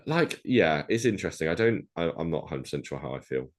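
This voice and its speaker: A man co-hosting a film podcast talks fast in a low voice with big pitch swings. His casual chat rambles, full of restarts and fillers.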